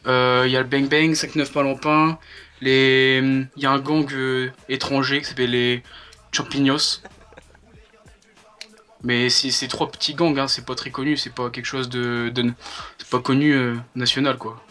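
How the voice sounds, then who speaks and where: A man playing a troubled, bullied gang member on a prank phone call, talking in a halting, rambling way. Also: mid-range voice, level tone, bright, forceful tone, soft background music, close to an everyday voice. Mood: nervous, explaining. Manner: speaking over the phone. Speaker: prank caller.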